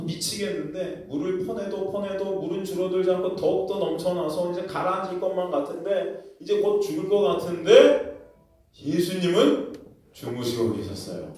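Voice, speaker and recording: A man preaching a sermon as pastor, telling the story with lively acted-out quotes and questions to the congregation. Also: high voice. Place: church sanctuary. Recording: very echoey church hall, mic at a distance.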